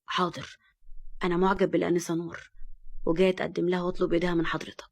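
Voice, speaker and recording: A woman with an Egyptian accent voicing a nervous young man who speaks hesitantly and softly. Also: level tone, rapid-fire, creaky. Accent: Egyptian Arabic. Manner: hesitant, softer and lower.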